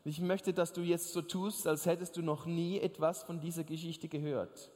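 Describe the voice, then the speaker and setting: High-voiced male preacher in a reverberant hall. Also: normal speed. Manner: animated storytelling, addresses listeners directly with jokes. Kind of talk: sermon. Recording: long reverb of a large hall.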